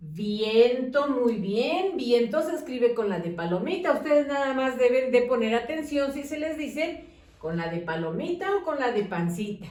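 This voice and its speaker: Woman, teacher, children's phonics lesson, sing-song, drawn-out syllables, wide pitch swings, echoey room. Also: expressive, darkish tone, far from the mic.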